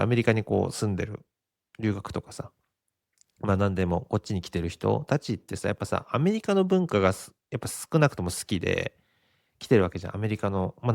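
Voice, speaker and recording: Gravelly-voiced Japanese man rambling casually. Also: lowish voice, a little mellow, no room sound, studio quality. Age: 40s. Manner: rambling, chuckling often, self-deprecating. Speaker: podcast host. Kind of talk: casual solo podcast monologue.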